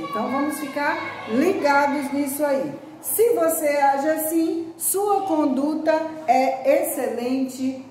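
Brazilian woman teacher, high and unhurried, patient and repetitive with kids, recorded in a very echoey room with faint noise. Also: darkish tone. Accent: Brazilian Portuguese. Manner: patient, repeats words slowly and calls to pupils. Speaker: grammar teacher. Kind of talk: recorded grammar lesson for children.

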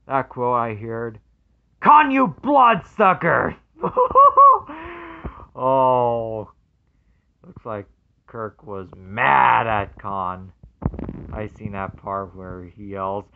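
A man unboxing a movie collection in casual commentary, earnestly excited, reading the labels aloud and calling each one very amazing. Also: mid-range voice, creaky, phone-quality sound.

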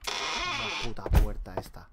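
A man's voice: fairly high pitch, wildly swooping pitch, takes it slowly, heavy background noise. A man with a Spanish accent from Spain, commenting on a horror game as he plays it, scared, muttering and yelping. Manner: jumpy, scared and muttering, with sudden yelps. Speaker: gameplay youtuber.

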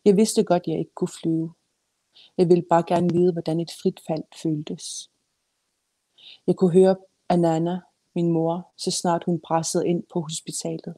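Woman author reading her own prose, low and mellow, dry close sound. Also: little pitch movement, no room sound. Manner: hesitant, with many fillers when speaking freely.

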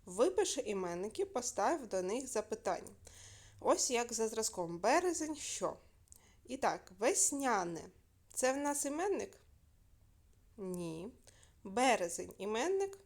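Teacher, woman, recorded remote lesson for young pupils, clear and patient, quizzes and answers herself. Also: fairly high pitch, big pitch swings, measured pace, a little mellow. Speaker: primary school teacher.

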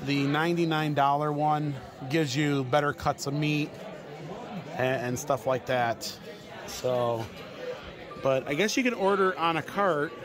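At a busy indoor restaurant table, a travel vlogger in his forties gives a chatty, casual walkthrough of his meal. His voice is a little high and his pace measured, and he repeats words and laughs often as crowded chatter fills the background.

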